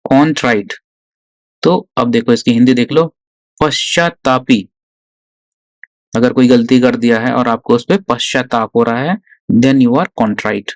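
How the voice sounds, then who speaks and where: A man teaching an exam vocabulary lesson online, who asks his own questions, answers them and repeats key words slowly, in Hindi mixed with English spoken with an Indian accent. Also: medium pitch, no echo.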